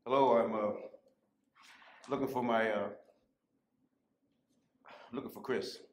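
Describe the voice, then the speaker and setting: A man's voice: mid-range voice, fairly even intonation, takes it slowly, close to an everyday voice. Actor as wary middle-aged father, heavy echo. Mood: wary, hesitant. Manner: hesitant, terse. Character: wary ex-convict father in his mid-forties. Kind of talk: stage play dialogue. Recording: very echoey room with background noise.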